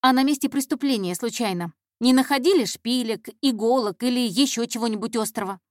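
A woman's voice: a little high, fairly quick, no room sound, studio quality, pitched above the performer's own voice, close to an everyday voice. A woman voicing a nervous young female intern reporter who stumbles and hesitates over her words. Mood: flustered. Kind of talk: audiobook character voice.

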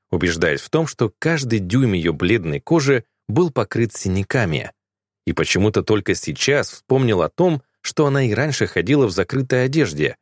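A man narrating a romance audiobook with an expressive, dramatic reading. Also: on the low side, dry recording, studio quality.

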